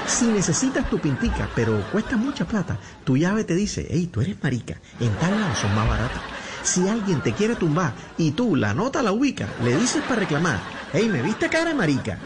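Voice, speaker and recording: A man with a coastal Colombian accent reciting humorous rhymes in a playful, exaggerated way. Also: sits high. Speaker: comic reciter. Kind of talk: humorous rhyming verse recital.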